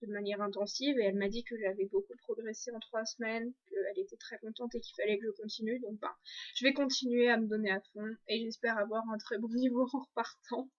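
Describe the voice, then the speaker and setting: Young french girl vlogging, lots of umms and restarts, kinda high voice. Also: steady tone, fairly quick, muffled recording. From France. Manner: chatty, many restarts and fillers. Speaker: exchange student vlogger. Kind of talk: casual video diary.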